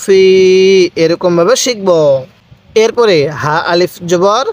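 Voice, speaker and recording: High-voiced man drilling slow recitation. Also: dry recording. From Bangladesh. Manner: slow, deliberate, drawing out syllables for learners to repeat. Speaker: Quran reading teacher. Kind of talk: recitation lesson, repeat-after-me drill.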